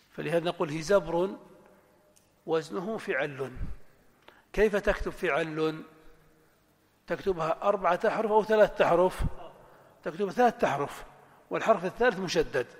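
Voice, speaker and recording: A man with a fairly high voice gives a lecture, drawing out each word pattern syllable by syllable and repeating it. He poses questions to the class and answers them himself. His voice rings with the long reverb of a lecture hall. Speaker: sheikh teaching Arabic morphology. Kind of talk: classroom lecture explaining a text.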